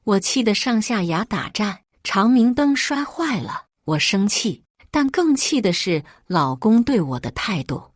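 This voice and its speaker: A woman narrating a dramatic first-person story in an emotional, expressive way. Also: mid-range voice, measured pace, few pauses, no echo, studio quality.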